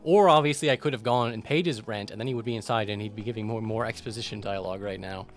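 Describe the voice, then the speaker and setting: A man's voice: fairly low pitch, fast, faint music behind. Casual rambling male game streamer. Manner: rambling, filler-heavy. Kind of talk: casual gameplay commentary.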